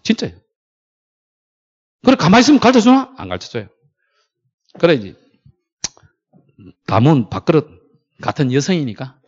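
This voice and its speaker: Animated middle-aged lecturer, lively pitch. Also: male voice. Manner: animated storytelling, acts out quoted dialogue. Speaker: lecturer in factory real estate brokerage. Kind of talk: classroom lecture with anecdotes. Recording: dull lo-fi lecture recording.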